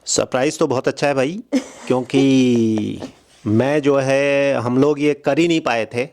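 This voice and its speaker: A man chatting casually to the camera in his living room, relaxed and laughing easily. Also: mid-range voice, unhurried. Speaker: father receiving a surprise. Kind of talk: casual family chat to camera. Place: living room at home, indoors.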